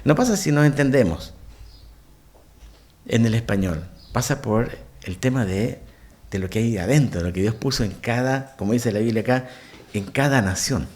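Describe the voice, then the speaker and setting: A man's voice: medium pitch, moderate pace. A Chilean man, a pastor, telling a personal story in a sermon and often checking with the congregation. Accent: Chilean Spanish. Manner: animated, asks the congregation questions. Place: church.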